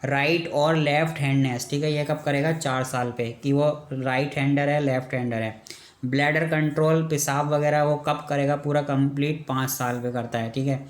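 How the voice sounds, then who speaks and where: A man's voice: on the high side, steady tone, normal speed. Man drilling lecture facts in an echoey room. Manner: drills facts by repeating question and answer; ends points with a checking "ठीक है". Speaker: medical lecturer. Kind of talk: exam-prep lecture.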